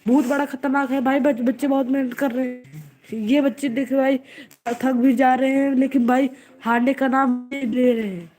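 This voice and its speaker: A woman narrating casually and excitedly, repeating urgent warnings over and over. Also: high-pitched, normal speed. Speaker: vlogger narrating. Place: outdoor home courtyard at night.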